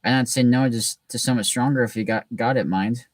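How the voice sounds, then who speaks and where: A huge, gruff, kindly giant, as a male reader puts him on for a storybook reading, speaking slowly at a middle pitch. The sound is dry but picked up from some distance away. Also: dry recording, natural voice. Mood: gruff, friendly. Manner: slow, drawn-out delivery. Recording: distant mic in a dry room.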